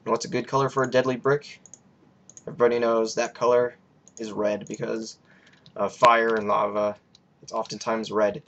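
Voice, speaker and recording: A young man with a raspy voice hosting a casual coding tutorial, rambling and hesitant with many fillers. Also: fairly low pitch, flat delivery, normal speed, a bit bright, lo-fi sound. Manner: rambling, hesitant, lots of ums. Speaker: scripting tutorial host.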